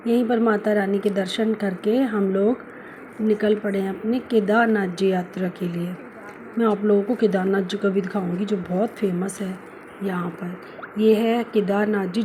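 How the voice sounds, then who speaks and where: A woman's voice: medium pitch, mellow, slight background noise, rough recording. A woman narrating her pilgrimage travel vlog, devoutly guiding viewers through temples as if on a tour. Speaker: travel vlogger.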